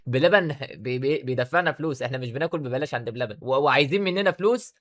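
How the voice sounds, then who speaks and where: A man's voice: mid-range voice, racing, a bit bright. A man with an Egyptian Arabic accent giving teasing reaction commentary, often stammering and repeating words. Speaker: YouTuber.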